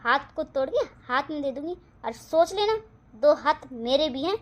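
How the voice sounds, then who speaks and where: A high-voiced younger daughter-in-law in a cartoon family drama. She speaks boldly and stands her ground. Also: expressive, moderate pace. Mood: defiant. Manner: bold and defiant, later apologetic.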